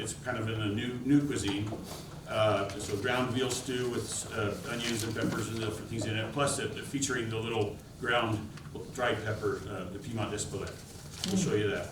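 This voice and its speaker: Echoey, distant man giving a cooking demonstration. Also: medium pitch. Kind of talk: informal live cooking demonstration, explaining as they go. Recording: echoey, noisy room, distant mic.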